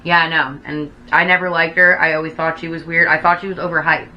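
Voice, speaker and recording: A woman's voice: low voice, flat delivery, brisk, muffled recording, slight background noise. A woman chatting casually as a talk show host, gossiping and giving emphatic, slangy opinions with free swearing.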